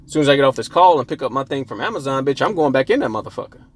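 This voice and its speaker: A man's voice: medium pitch, expressive, racing. A young man hosting a casual solo podcast, profane and boastful, rambling and breaking off mid-thought. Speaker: podcast host. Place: outdoors near a street.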